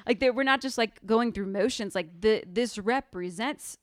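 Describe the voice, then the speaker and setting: A woman's voice: on the high side, normal speed, no room sound, clean studio sound. A woman co-hosting a casual faith podcast, talking earnestly with lots of "like" fillers. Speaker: podcast co-host.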